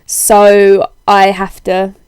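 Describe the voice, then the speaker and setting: A young woman with a cold-hoarsened voice, chatting casually in a rambling, self-deprecating way as a video blogger. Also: mid-range voice, monotone, very slow, darkish tone, no room sound. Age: young adult. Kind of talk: casual chatty vlog, answering tag questions.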